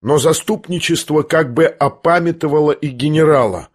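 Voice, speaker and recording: A man narrating a classic novel in a steady, measured way. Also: a little high. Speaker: audiobook narrator.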